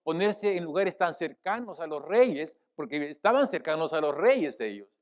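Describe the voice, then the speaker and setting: A man preaching a sermon as pastor, swelling loud on key phrases, then easing back into a quieter teaching tone, often asking the congregation to agree. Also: fairly high pitch, big pitch swings, normal speed. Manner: asks the congregation "¿verdad?" and addresses them as brothers. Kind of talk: Spanish-language sermon.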